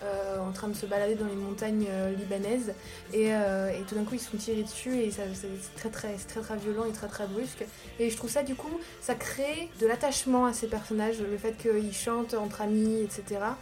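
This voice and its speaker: A woman's voice: medium pitch, steady tone, fairly quick, music in the background. A woman chatting casually about a film, hesitant with fillers.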